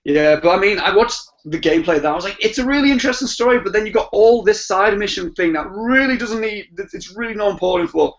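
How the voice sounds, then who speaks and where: A man appearing as a podcast guest chats casually in a high-sitting, animated voice, talking fast with hardly any pauses. He rambles, often repeating phrases while feeling his way through a thought, and the lo-fi podcast audio sounds dull and muffled.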